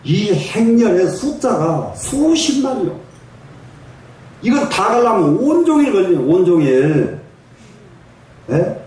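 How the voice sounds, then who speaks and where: Older monk preaching in an echoey hall. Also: male voice, high-pitched, very animated, slow pace, pauses often, a little mellow. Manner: folksy storytelling, asks the audience for replies and chuckles. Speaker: Buddhist monk giving a dharma talk. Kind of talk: sermon. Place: large echoing meditation hall. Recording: distant mic in a very echoey hall.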